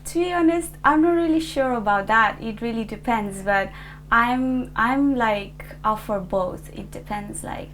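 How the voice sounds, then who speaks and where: A woman's voice: fairly high pitch, measured pace, hardly any pauses, a bit bright, a little hiss or hum, rough recording. A woman in her twenties from Nepal, answering an oral history interview hesitantly, with many fillers and restarts. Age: 20s.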